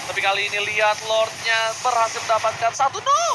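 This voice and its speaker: A man with an Indonesian accent doing hyped fighting game announcer style esports play-by-play, with dramatic, drawn-out excited calls. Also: high-pitched. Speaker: esports shoutcaster. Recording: loud background noise.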